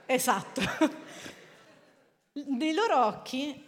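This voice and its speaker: High-voiced woman preaching in a hall. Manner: animated, storytelling, laughs often. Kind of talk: sermon. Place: church hall. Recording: long hall reverb.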